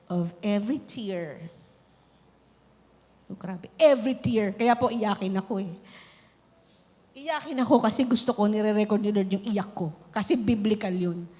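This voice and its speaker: A woman pastor preaching a sermon, moving from quiet, conversational storytelling to shouted exhortation. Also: medium pitch, unhurried, long pauses. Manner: preaching in mixed Tagalog and English, building to shouted exhortation. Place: large church hall. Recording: reverberant hall.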